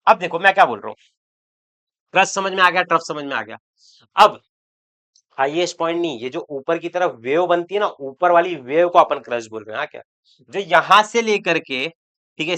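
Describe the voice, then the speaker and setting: This man's voice sits on the high side, bright and forceful. He's giving an online exam-prep chemistry lecture, bantering with students in a chatty way and saying words twice to drive points home.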